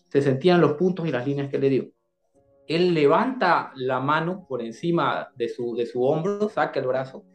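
A man from Bolivia with a Bolivian accent, a doctor telling a personal story as an interview guest, earnestly repeating words and phrases as he goes. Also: a little high. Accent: Bolivian Spanish.

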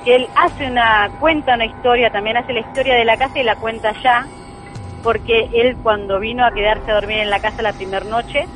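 A woman's voice: on the high side, fairly even intonation, brisk, fairly bright tone, slight background noise, poor audio. A woman with an Argentine accent telling a true ghost story as a guest, earnest and emphatic, repeating key phrases. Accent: Argentine Spanish.

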